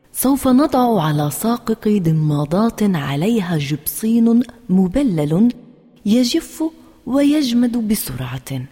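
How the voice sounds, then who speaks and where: A woman voicing a calm, loving mother in a children's story, speaking softly and reassuringly, with a husky voice and long reverb. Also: medium pitch. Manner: soft, reassuring tone.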